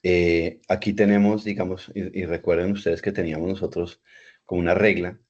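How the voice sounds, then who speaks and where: A man's voice: sits low, level tone, moderate pace, darkish tone. A man teaching an English class in over a video call, patiently repeating and spelling out words. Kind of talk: online class lecture. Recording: dull lo-fi video call audio.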